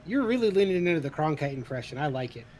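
A man in his mid-thirties co-hosting a podcast, chatting casually, animated and swearing freely. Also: a little high, fast. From Idaho, USA. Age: 30s. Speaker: podcast co-host. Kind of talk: casual chat.

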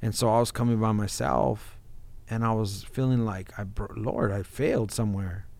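A man's voice: lowish voice, fairly even intonation, normal speed, creaky, a little mellow. A man talking casually and earnestly in an informal, heartfelt conversation, often addressing his listener as bro. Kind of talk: casual heartfelt conversation about faith and marriage.

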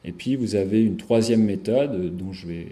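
A man giving a recorded lecture over slides, speaking haltingly with frequent fillers and restarts. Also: fairly low pitch, dark tone. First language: French. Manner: hesitant, many fillers and restarts.

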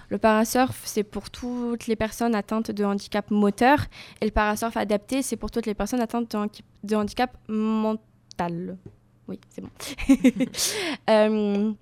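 A woman's voice: fairly high pitch, darkish tone, smooth. A young woman, an athlete guest, answering interview questions casually and searching for her words. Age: young adult. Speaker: para-surfing champion guest.

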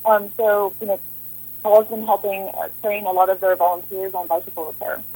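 A woman's voice: mid-range voice, steady tone, brisk, warm tone, slightly rough, no room sound, poor audio. A woman guest on a radio show talking informally about a bike group's classes. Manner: informal, chatty, plain-spoken. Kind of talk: casual radio interview.

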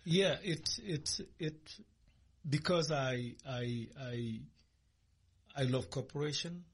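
A man from Senegal answers questions as a studio radio guest. His voice is husky and a little breathy. He speaks haltingly, restarting phrases and filling gaps while he searches for words. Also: mid-range voice. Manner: hesitant, many fillers and restarts. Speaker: guest, cooperative leader. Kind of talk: radio interview.

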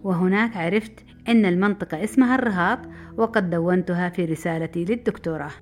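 Middle-aged woman, quick memoir narration over faint music. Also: fairly low pitch. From Saudi Arabia. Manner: brisk, lively narration. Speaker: storyteller. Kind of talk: personal memoir storytelling. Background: faint background music.

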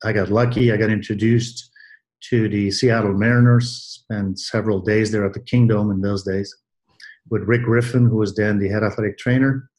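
A man in his sixties from Belgium speaks with a somewhat low voice. He answers questions in a measured way, pausing with fillers and restarting phrases as he recalls his career. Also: steady tone, a little mellow. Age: 60s. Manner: measured, many hesitations and restarts. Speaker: guest, athletic trainer. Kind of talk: interview answers.

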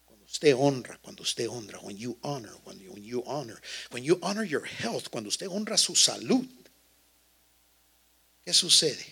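Joking bilingual pastor with a gravelly voice. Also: male voice, mid-range voice, animated, measured pace, pushed and bright. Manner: joking, teasing the congregation, switching between Spanish and English. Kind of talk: lively bilingual sermon.

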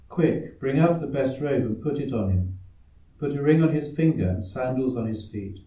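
A priest giving a solemn, measured liturgical reading of the Gospel in a large church, with a cathedral echo around his voice. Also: mid-range voice, warm tone. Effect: cathedral echo, voice ringing through a large stone church. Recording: echoey church heard from far off.

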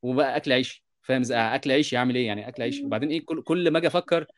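A man in his thirties with an Egyptian Arabic accent, co-hosting a podcast, telling animated stories in quick bursts and checking in with his listeners. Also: medium pitch, slight background noise. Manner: animated, rapid storytelling with repeated "you understand?" asides. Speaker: podcast co-host, software developer. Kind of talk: casual podcast discussion.

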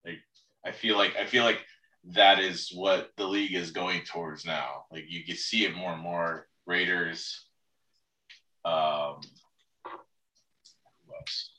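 A low-voiced man hosts a relaxed sports chat, often circling back and repeating himself. His tone is bright and forceful despite the depth. He sits back from the mic in an echoey room. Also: takes it slowly, pauses often, distant mic. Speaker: podcast host. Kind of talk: casual fantasy football chat.

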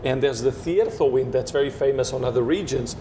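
Guy w/ talking winemaking in an interview, keeps restarting his sentences, hissy rumbly recording. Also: brisk. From Portugal. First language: Portuguese. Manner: searching for words with frequent restarts. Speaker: winemaker guest. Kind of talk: descriptive interview answers. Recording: steady noise and low rumble.

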